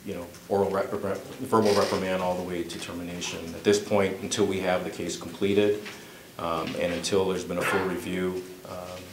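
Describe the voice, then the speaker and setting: Guy fielding press questions, flat and careful, echoey room. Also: low voice. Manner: hesitant, measured, cautious. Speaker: police spokesman. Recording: echoey room with clear background noise.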